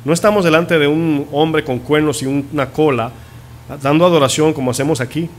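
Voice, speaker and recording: A man who is a pastor preaching a sermon in a church, asking the congregation questions and drawing out key words slowly for emphasis. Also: fairly high pitch, fairly even intonation. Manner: teaching, asks the congregation questions.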